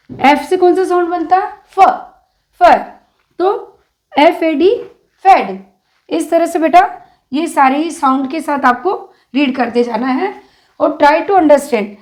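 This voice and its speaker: A woman's voice: high voice, a little mellow. A young woman with an Indian English accent teaching children phonics, spelling words out letter by letter in a patient, coaxing way. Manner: slow, drawn-out letter-by-letter spelling.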